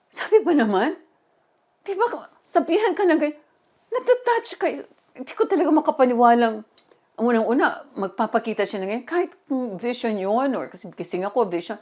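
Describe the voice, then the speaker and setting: A woman pastor giving a sermon with personal testimony, talking in an animated, conversational way with many fillers. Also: on the high side.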